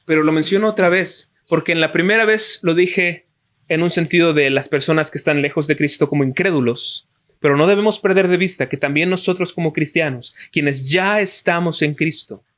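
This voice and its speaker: A man's voice: on the high side, moderate pace, fairly bright tone. A man with a Mexican Spanish accent preaching a sermon, asking rhetorical questions and acting out quoted excuses in a raised voice.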